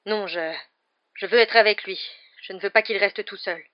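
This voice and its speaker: A woman voicing a huge, soft-hearted male gamekeeper with a hoarse voice. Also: mid-range voice, moderate pace, muffled recording, lightly acted. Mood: pleading.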